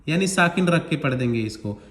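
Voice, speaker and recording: Animated and brisk, a man with a slightly high, somewhat bright voice teaches Quran recitation one step at a time in a roomy-sounding space. He patiently explains each rule and stretches the recited words out slowly.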